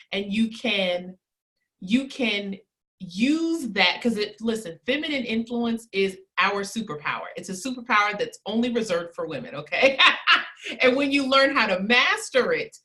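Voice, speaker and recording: A woman in her thirties speaks as an interview guest, explaining how she coaches women in poise and body language. Her voice sits at an ordinary middle pitch. She talks in an instructive way, acting out sample phrases with shifting stress. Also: fairly bright tone. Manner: instructive, acts out example sentences with shifting emphasis. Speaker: charm academy owner and etiquette teacher.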